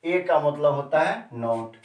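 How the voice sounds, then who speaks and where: A man's voice: fairly high pitch, animated, takes it slowly, darkish tone. A male chemistry teacher giving a classroom lesson who repeats key terms and keeps quizzing his students with questions. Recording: echoey room, mic set far off.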